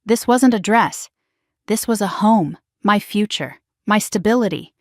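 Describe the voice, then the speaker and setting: A woman tells a dramatic first-person story in short, tense, clipped sentences. Her voice has a middle pitch and sounds dry and close to the mic, with no room sound. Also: lively intonation, a little slow, no room sound. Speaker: narrator.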